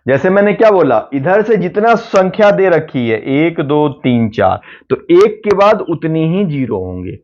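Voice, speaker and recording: Man, math lecture, step-by-step explaining, animated pitch, muffled lo-fi sound. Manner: explains step by step, often checks understanding. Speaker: math teacher. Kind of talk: exam-prep math lecture. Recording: dull lo-fi recording.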